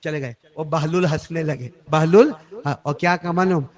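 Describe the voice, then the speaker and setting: A man preaching through a story, animated and calling on the audience to repeat after him. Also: fairly high pitch, lo-fi sound. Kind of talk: storytelling sermon.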